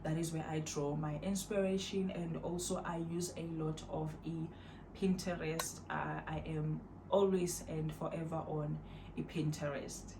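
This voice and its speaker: South African woman, thirties, low voice, relaxed rambling vlog chat, noisy home recording. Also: unhurried. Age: 30s. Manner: laid-back, rambling, warm addressing of viewers as "my loves". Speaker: vlogger. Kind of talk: casual chat to camera, mixing in Zulu phrases. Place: at home, indoors.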